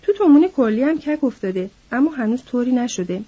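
A woman voicing a chatty young male ranch hand who gossips loudly and eagerly, in a storybook reading. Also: high-pitched, husky, exaggerated voice. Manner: loud, lively gossiping. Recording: dull lo-fi audiobook recording.

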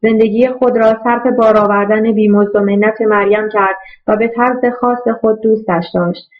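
A woman narrates a novel in a steady, even voice at a middle pitch. The recording sounds dull and lo-fi, like an older audiobook. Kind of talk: scripted narration.

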